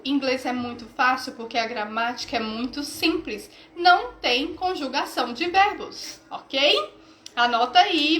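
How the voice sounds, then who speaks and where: A woman's voice: high voice, a bit bright, echoey room, slight background noise, rough recording. A woman teacher with a Brazilian accent, giving an enthusiastic, chatty live-streamed lesson and laughing often. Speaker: English teacher.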